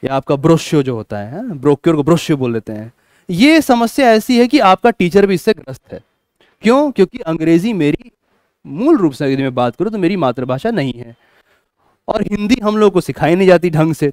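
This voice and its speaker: A man teaching a class, lively, asking questions and answering them himself. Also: on the high side, dry recording, clean studio sound. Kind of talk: classroom lecture.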